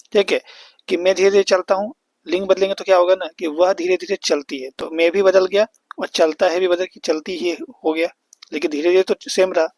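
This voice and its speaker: Young male teacher, high voice, dry close recording; explains patiently and repeats key points. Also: no room sound. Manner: explains step by step, repeats and checks with "है ना". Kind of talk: exam-prep grammar lesson.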